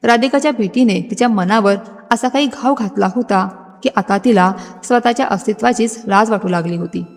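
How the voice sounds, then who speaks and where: A woman narrating a scripted, dramatic story in a steady storytelling manner. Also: mid-range voice, gravelly. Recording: music bed, long hall reverb.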